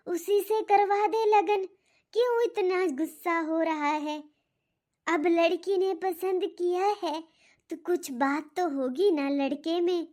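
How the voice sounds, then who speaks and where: A woman voicing a stern, nosy old grandmother who lectures slowly in a cartoon. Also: extremely high pitch, a little mellow. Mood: scolding. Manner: slow, lecturing, reminiscing. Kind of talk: cartoon voice acting.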